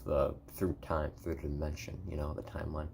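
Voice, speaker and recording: A man giving a soft-spoken, partly whispered ASMR review in a hushed voice, rambling and haltingly rephrasing himself. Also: a bass voice, level tone, creaky, noisy background. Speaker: video reviewer.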